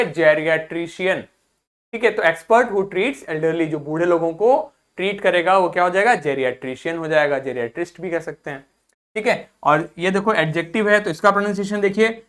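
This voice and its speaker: A man's voice: high voice, fairly bright tone. A man teaching English vocabulary in a recorded lesson, explaining in Hindi with English terms mixed in, repeating each word and quizzing his listeners. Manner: drills pronunciation by repeating words and quizzing listeners. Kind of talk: classroom-style recorded lesson.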